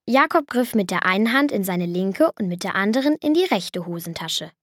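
Lively woman reading a kids' audiobook. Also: mid-range voice, moderate pace, dry recording, studio quality. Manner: lively, expressive. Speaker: audiobook reader. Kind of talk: children's audiobook narration.

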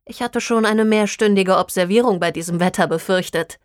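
A woman's voice: mid-range voice, a little fast, dry recording, studio quality, close to an everyday voice. Give me a woman playing a wry, easygoing young woman detective in an audiobook. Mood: casual. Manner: casual, lightly teasing.

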